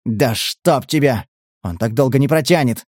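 Man doing Stas, a brisk sarcastic soldier. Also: mid-range voice, darkish tone, no room sound, clean studio sound, natural voice. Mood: urgent.

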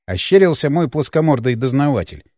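A man narrating a first-person adventure audiobook with ironic, lively storytelling. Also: mid-range voice, fairly quick, no echo, clean studio sound. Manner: lively, ironic storytelling, hero's lines shouted up.

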